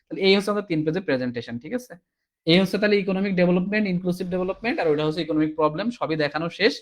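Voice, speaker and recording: A tired, low-energy man with a high voice talks very fast while teaching a recorded exam-prep class. He explains things step by step and often asks "ঠিক আছে?".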